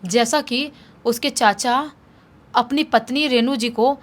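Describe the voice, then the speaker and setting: High-voiced woman telling a horror story. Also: slow pace, a little hiss or hum. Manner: conversational, acts out shouted quotes. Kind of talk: casual spoken horror storytelling.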